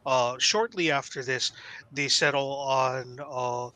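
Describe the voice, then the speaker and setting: A man's voice: mid-range voice, fairly even intonation, slow, sharp tone. A man co-hosting a casual podcast, knowledgeably explaining wrestling history in a rambling way with plenty of fillers.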